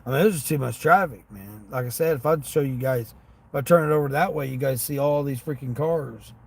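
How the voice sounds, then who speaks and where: A mid-range, creaky, slightly rough voice, a little fast, belongs to a man chatting casually with livestream viewers from inside a parked vehicle. He's a gig delivery driver and stream host with a slight Southern American accent, rambling in a folksy manner over steady vehicle and ambient noise.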